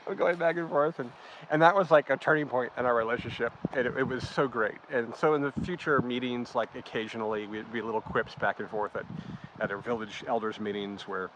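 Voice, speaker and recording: A man telling a lively anecdote in an interview, acting out the voices of the people he quotes. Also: medium pitch, brisk. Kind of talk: storytelling interview. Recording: dull lo-fi sound with clear background noise.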